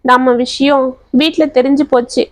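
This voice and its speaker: A woman's voice: high voice, fairly even intonation, normal speed, no room sound, natural voice. A woman voicing a tearful, pleading young woman in love.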